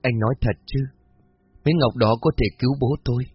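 A man's voice: mid-range voice, fairly quick, breathy edge, no room sound, highs cut off, soft background music, close to an everyday voice. A man voicing a frightened, desperate young woman in a storybook, pleading in a raised, tearful tone. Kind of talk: storybook narration.

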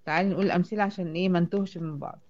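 A woman with an Egyptian accent teaching Quran recitation, explaining step by step, asking questions and answering them herself, slowing right down to sound out words. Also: fairly low pitch, steady tone, a little mellow. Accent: Egyptian Arabic. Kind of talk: online tajweed lesson. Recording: dull lo-fi audio.

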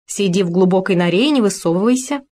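A woman's voice: medium pitch, animated, quick pace, darkish tone, natural voice. A woman playing a grumbling greedy gopher. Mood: stubborn. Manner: grumbling, stubborn. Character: stubborn greedy male gopher.

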